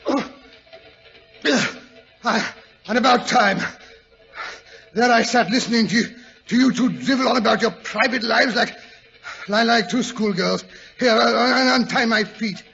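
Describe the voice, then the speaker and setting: An actor playing a pompous, flustered older English doctor in a 1940s radio drama, blustering and stammering in a raspy British voice. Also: male voice, very high voice, measured pace, pauses often, pushed and bright, faint music behind, full character voice. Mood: indignant, flustered. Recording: dull vintage radio recording.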